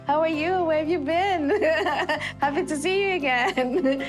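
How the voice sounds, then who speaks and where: A woman, a prosthetics patient, speaking in drawn-out exclamations. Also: high voice, faint music behind.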